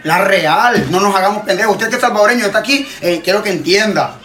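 A man's voice: high voice, quick pace, fairly bright tone. A Honduran man, a TikTok creator, ranting in casual chat, emphatic and repetitive, swearing freely. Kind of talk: heated casual rant.

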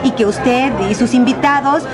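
A woman playing a sweet, emotional, expressive character in dubbed film dialogue. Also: high-pitched, normal speed, over loud music, lightly acted. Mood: nervous, formal. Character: sweet, emotional relief-agency woman in romance.

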